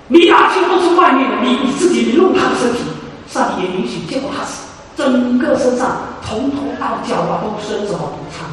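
A man's voice: very high voice, fairly bright tone, a little hiss or hum. A man preaching a sermon, emphatic, repeating phrases for stress. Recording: echoey hall, voice from far off.

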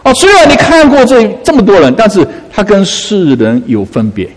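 A man preaching a sermon as pastor, coaxing and animated, often asking his listeners questions. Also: high voice, normal speed, big-room sound.

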